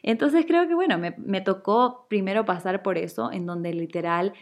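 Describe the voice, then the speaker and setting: A woman's voice: medium pitch, moderate pace, dull audio. A woman in her twenties, born in Chile, talking candidly and casually to her viewers, with lots of fillers and light laughs. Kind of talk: casual vlog monologue.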